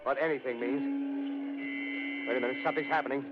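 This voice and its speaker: An actor playing an alarmed eyewitness radio reporter in a 1930s old radio show drama, urgent and on the spot. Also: male voice, mid-range voice, steady tone, fast talker, muffled recording, over loud music, natural voice. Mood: tense, awed. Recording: scratchy, noisy 1930s radio broadcast.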